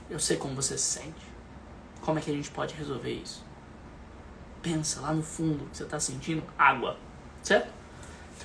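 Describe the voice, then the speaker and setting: A man giving a motivational lesson, emphatic and repetitive, often dropping to a soft, calm voice. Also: fairly high pitch, a little hiss or hum. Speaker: leadership and speaking coach.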